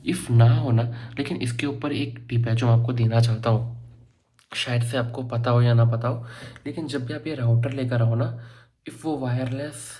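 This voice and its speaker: A young man from India talks quickly and chattily, tossing in joking asides as he shows off his student room. His voice is dark and mellow, held to a flat, even pitch. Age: young adult. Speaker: vlogger. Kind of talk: casual vlog walkthrough.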